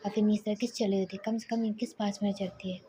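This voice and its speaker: Woman telling a story, loose and hushed. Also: mid-range voice, level tone, fast, slight background noise, poor audio. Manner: loose, self-correcting, partly whispered. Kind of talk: casual spoken story narration.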